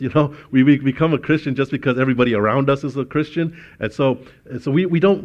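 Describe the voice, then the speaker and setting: A man's voice: lowish voice, lo-fi sound. A man preaching a sermon as pastor, telling personal stories in a conversational way with frequent restarts.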